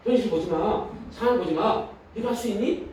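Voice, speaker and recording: A male pastor voicing God, gently pressing a believer with repeated questions. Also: sits high, normal speed, a little hiss or hum, lightly acted. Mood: coaxing. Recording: echoey hall, distant mic.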